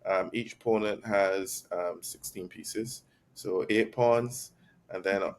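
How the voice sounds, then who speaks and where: A man from Barbados, a chess master guest, explaining things in a measured way with frequent ums and restarts. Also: deep voice, fairly even intonation. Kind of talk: explanatory interview talk. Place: Barcelona.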